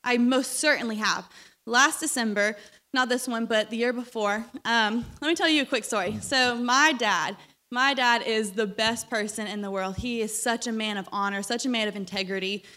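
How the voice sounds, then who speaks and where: High, bright-voiced young woman preacher. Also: normal speed. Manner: animated, storytelling, laughs when uncomfortable. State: recovering from lost voice. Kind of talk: sermon.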